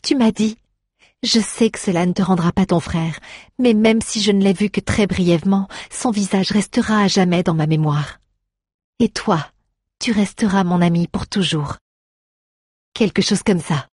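A woman's voice: mid-range voice, normal speed, a little mellow, husky, dry recording, studio quality, natural voice. A woman voicing a caring, stubborn young traveling actress, who speaks to a grieving friend in a coaxing, tender way. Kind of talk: audio drama acting.

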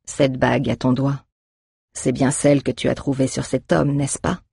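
A storybook reader voicing an old male druid who speaks calmly and slowly, pressing gently. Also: medium pitch, creaky, a little hiss or hum, natural voice. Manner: calm, slow, measured.

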